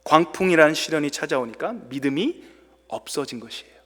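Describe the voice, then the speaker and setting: A man's voice: a little high, expressive, a little fast, fairly bright tone, husky. A male pastor preaching a sermon in a dramatic, storytelling way, acting out quoted lines in a church sanctuary. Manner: dramatic storytelling, quoting with acted voices. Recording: long church-hall reverb.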